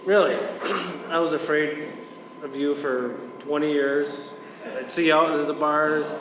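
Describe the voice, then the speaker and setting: Gruff rambling man in an echoey hall. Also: fairly high pitch, fairly even intonation, a little slow. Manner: gruff, swearing, rambling anecdotes with quoted dialogue. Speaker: roaster. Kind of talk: rambling roast storytelling. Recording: roomy hall with long reverb, audience noise.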